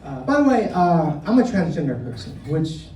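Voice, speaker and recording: Vietnam-born comic, bouncy delivery, roomy club heard from a distance with clear crowd noise. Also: medium pitch, very animated, moderate pace. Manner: teasing, talks straight to the crowd. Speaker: stand-up comedian. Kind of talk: live stand-up set with crowd work. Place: comedy club stage. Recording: roomy live club from far off, audience noise.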